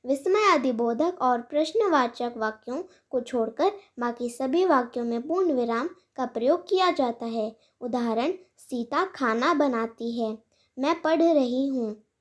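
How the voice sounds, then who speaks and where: A woman hosting her own channel, giving a scripted grammar lesson for children and reciting rules and examples in a measured, clear way. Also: sits high, animated. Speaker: channel host teaching Hindi grammar.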